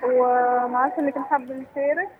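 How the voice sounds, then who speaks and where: A woman phones in to a radio show, and her high voice comes through a thin, tinny phone line with a faint hiss behind it. She keeps her answers short and polite. She talks quickly and evenly, with little rise or fall. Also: steady tone. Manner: brief, polite answers to the host. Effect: heard over the phone. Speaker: radio caller.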